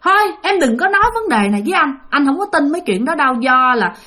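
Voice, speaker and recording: A woman voicing a stubborn middle-aged husband who brushes things off loudly and irritably. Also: high voice, sing-song, quick pace, heavily acted. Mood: dismissive. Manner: dismissive, irritated, loud.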